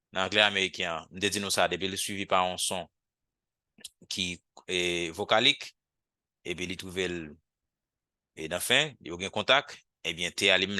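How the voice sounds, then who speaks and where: A man's voice: low voice, sharp tone, dry recording. A man with a Haitian accent teaching an English lesson over a video call, repeating English phrases again and again so learners can copy them. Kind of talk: live online language lesson.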